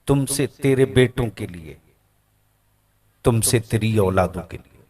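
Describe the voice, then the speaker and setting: A man preaching a fiery religious sermon to a gathering, booming and drawn out, urging the crowd to call back. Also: lively intonation, takes it slowly, warm tone.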